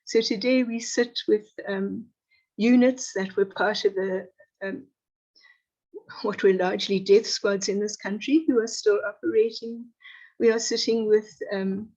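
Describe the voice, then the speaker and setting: A woman's voice: medium pitch, dark tone, highs cut off. Woman from South Africa on a call. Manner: measured, with frequent pauses and fillers. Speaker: panelist at online launch. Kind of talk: earnest spoken address. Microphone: video call audio without camera.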